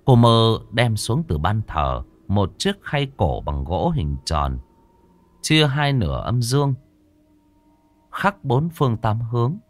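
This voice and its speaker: A man narrating a ghost story in a slow, somber, dramatic reading. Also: mid-range voice, sing-song, faint music behind.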